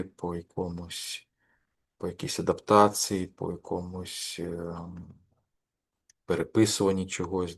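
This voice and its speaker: Low-voiced guy lecturing, lots of uh and restarts, kinda halting. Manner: hesitant, many fillers and restarts. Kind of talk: course lecture.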